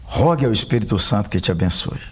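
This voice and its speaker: A man's voice: on the low side, lively intonation, fast talker, husky. A man, a pastor speaking earnestly about grief and speaking directly to listeners. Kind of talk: conversation on faith and grief.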